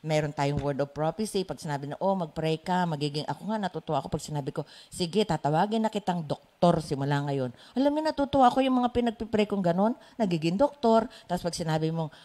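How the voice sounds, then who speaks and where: A woman with a Filipino accent leading a Bible study, chatty and quick to laugh. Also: lowish voice, animated, mellow. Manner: chatty, laughs often, mixes in English. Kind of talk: Bible study sharing in Taglish.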